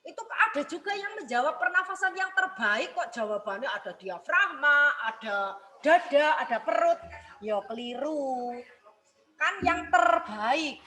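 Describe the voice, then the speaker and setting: High, slow-speaking woman teacher. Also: lively intonation, pushed and bright, slight background noise, rough recording. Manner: explains step by step, repeats points with a questioning "ya". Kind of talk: music lesson broadcast.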